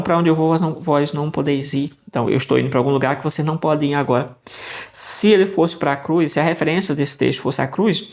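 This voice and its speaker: A man's voice: mid-range voice, gravelly. A man teaching Greek grammar in a casual, conversational way, with frequent "né" and restarts. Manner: conversational, many "né" tag questions and restarts. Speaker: Greek New Testament teacher. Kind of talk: casual explanatory lesson.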